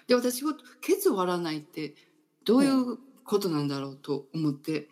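A woman hosting a casual talk show, explaining slowly and thoughtfully with many fillers. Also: on the low side, very animated, dark tone. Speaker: radio host.

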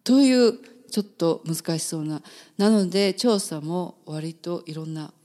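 A woman from Kyoto with a Kansai accent, hosting a casual live talk show from a radio studio and chatting with quick side remarks. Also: fairly low pitch, dark tone. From Kyoto, Japan.

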